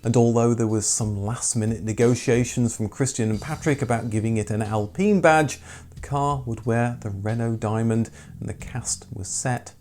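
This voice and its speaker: A man's voice: mid-range voice, moderate pace, darkish tone, a little hiss or hum. A man presenting a scripted documentary as its narrator.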